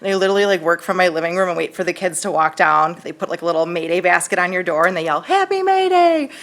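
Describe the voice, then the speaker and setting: Chatty mom at the board mic, lowish voice, earnest and folksy. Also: female voice, little pitch movement, very fast, a bit bright. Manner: chatty, earnest, with many fillers. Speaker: parent giving public comment. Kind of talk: public comment at a school board meeting.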